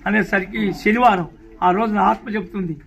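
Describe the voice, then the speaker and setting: A middle-aged man tells his life story as a pastor. His voice sits notably high, and he speaks with earnest, plain conviction. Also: steady tone, moderate pace, gravelly, a bit bright. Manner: earnest storytelling, acting out prayers and God's words. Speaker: pastor giving his testimony. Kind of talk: spoken testimony in an interview.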